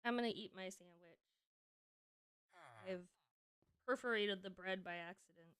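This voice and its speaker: Bright, giggly young woman streaming. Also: medium pitch, a little slow, smooth, no echo, clean studio sound. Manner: chatty, giggly, talks while eating. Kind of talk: casual game stream chat.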